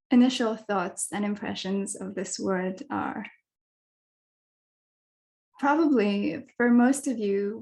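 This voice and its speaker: A young adult woman from Kenya giving a presentation talk over a video call as a dark sky advocate, in a thoughtful way with soft fillers. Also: mid-range voice.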